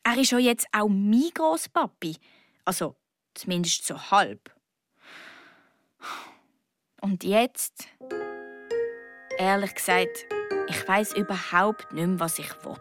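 A woman with a Swiss German accent narrating a children's story in the first person, slow and expressive in a child's voice. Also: medium pitch. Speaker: audiobook reader. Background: guitar music.

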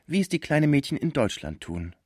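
Male reader voicing a gentle, heartbroken old German man, pitched up, audiobook. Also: sing-song, a little fast, breathy edge, no room sound, clean studio sound. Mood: tender.

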